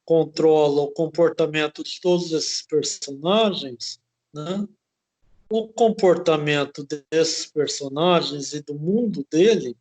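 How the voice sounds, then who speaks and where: A man hosting an interview, explaining at length in a halting way and often tagging his phrases with a questioning "né?". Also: high-pitched. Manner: slow, halting, ends phrases with "né?". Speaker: host.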